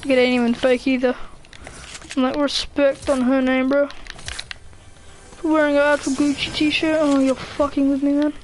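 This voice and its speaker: A woman's voice: sits high, level tone, normal speed, darkish tone, a little hiss or hum. A young woman chatting casually and swearing freely while she plays a game, mocking her own skill. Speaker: gamer. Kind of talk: casual gameplay commentary.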